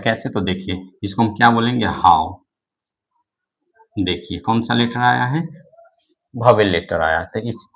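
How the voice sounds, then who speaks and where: On dull audio, a man with a fairly low voice teaches an English lesson in Hindi, classroom style. He keeps posing questions and answering them himself, repeating and restarting often, with fillers like "nahin."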